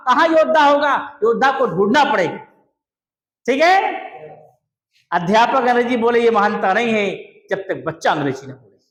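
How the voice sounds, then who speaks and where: A man teaching spoken English to a class, drilling them with questions in an emphatic, often shouting manner. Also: extremely high pitch. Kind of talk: classroom lesson with call-and-response drilling. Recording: echoey room.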